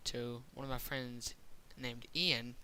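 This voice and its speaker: A young man telling a rambling, excitable story in a casual vlog, full of fillers. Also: mid-range voice, slow, low-quality recording. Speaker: vlogger.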